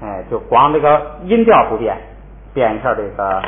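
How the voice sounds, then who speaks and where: A man teaching a language lesson in a relaxed spoken style, explaining patiently and repeating words for students to echo. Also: mid-range voice, moderate pace, a little hiss or hum. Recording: echoey room over a tinny phone-like line.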